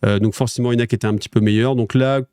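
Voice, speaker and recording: A man's voice: medium pitch, fairly even intonation, racing, a little mellow, smooth, no room sound, clean studio sound. A French man hosting a wargaming news show, chatting casually with viewers in a rambling way, with lots of fillers and restarts. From France.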